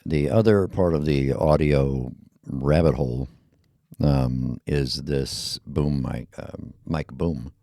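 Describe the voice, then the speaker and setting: Rumbly, gravelly bass-voiced male podcaster. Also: takes it slowly, dark tone, no room sound, studio quality. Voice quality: rumbly, low voice. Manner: mumbly, rambling, with many fillers. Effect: equalizer filter on the mic. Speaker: podcast host. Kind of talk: casual solo podcast monologue. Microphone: heavy dynamic podcast mic on a boom arm.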